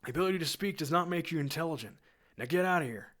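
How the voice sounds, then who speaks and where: A man reading the lines of a calm, stern older male space knight in a curt, flat way, in an amateur screenplay reading. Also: on the high side, fast, voice pushed up.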